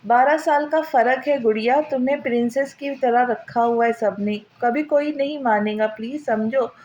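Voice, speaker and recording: A woman voicing a loving young wife who gently coaxes and advises her sister-in-law. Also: a little high, moderate pace, lo-fi sound, close to an everyday voice. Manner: gentle, coaxing.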